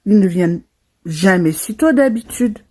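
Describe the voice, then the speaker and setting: Young woman telling a creepy storytime, dramatic and lively, voicing the people in it. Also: medium pitch, moderate pace. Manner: dramatic, lively retelling with quoted voices. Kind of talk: first-person horror storytime narration.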